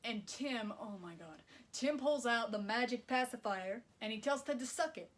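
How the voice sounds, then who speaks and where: A woman's voice: on the high side, expressive, moderate pace. A woman recapping a movie in a wry, sarcastic way, swearing casually. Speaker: video essayist.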